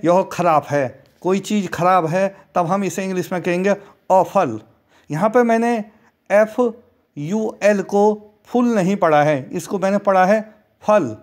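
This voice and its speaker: A man teaching a spoken English lesson in Hindi, saying each phrase slowly and then repeating it. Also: high voice.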